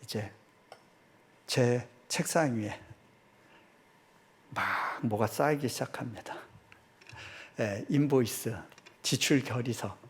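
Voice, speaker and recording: A man's voice: medium pitch, takes it slowly, long pauses. A middle-aged man, a missionary, preaching a sermon in a church and telling his own story, acting out his prayers and laughing now and then. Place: church sanctuary.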